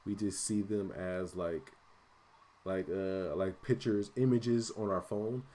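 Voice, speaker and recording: A man's voice: deep voice, fairly even intonation, takes it slowly, warm tone. A man in his late twenties co-hosting a podcast, chatting casually and cursing, rambling with lots of fillers. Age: late 20s. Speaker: podcast co-host. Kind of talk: casual chat.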